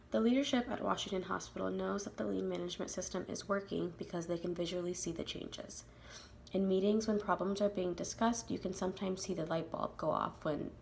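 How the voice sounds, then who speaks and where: A young woman presents to her class, her voice stuffy from a cold and heavily gravelly with fry. She sits slightly low in pitch and reads steadily, pausing on an occasional um. Faint noise hums under the recording. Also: a little mellow. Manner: reads steadily with some "um" fillers. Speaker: student presenter.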